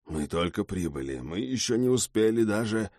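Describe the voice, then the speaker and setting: Man playing a steely, low-voiced adventurer. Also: very animated, moderate pace, a little mellow, dry recording, studio quality. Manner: low, clipped, through gritted teeth. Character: steely calm male adventurer, protective.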